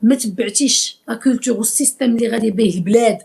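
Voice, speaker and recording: A woman's voice: a little high, rapid-fire, darkish tone. A woman with a Moroccan accent hosting a live stream, lecturing bluntly and scolding, dropping in French phrases.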